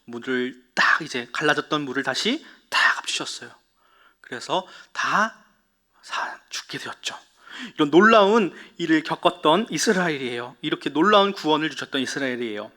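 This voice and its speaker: A man giving a children's sermon as a Sunday school preacher, telling a story, asking the children questions and answering them himself, and dropping to a hushed whisper at dramatic moments. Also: fairly high pitch.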